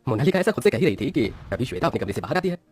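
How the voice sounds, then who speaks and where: A man narrating a cartoon story as a lively storyteller. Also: mid-range voice, rapid-fire, husky, dry recording.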